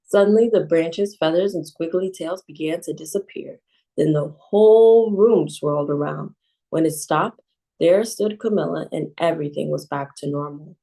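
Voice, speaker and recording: A woman librarian reads a children's picture book aloud, calm and expressive. Her voice sits low and sounds soft and mellow. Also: normal speed, creaky, rough recording.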